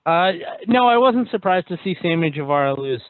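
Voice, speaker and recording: High-voiced joking male radio host. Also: lively intonation, dry recording. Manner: jokey, quick, chatty. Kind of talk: casual talk radio chat. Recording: dry, tinny phone-like sound.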